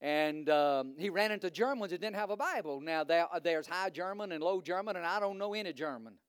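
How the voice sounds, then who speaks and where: The recording is clean and dry, studio-quality. A Virginia man with a local accent and a high-pitched, animated, smooth voice preaches fairly quickly as a guest preacher, growing fervent and emphatic, repeating himself with many "uh" fillers.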